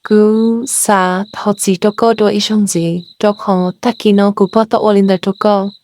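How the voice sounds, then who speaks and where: A woman's voice: medium pitch, fairly even intonation, normal speed, darkish tone, lightly acted. A woman voicing a sad, frightened young village woman who speaks earnestly and pleadingly.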